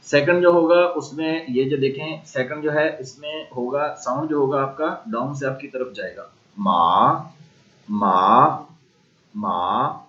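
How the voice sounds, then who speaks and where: A man with a Pakistani accent teaching an online language class, slowly drilling and repeating sounds. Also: on the high side, dull audio. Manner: slow repeated drilling of tones.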